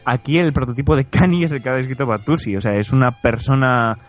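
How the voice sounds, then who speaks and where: A man's voice: medium pitch, fast talker, faint music behind. A man from Spain hosting a comedic chat segment, rambling and joking with frequent laughter. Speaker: podcast segment host.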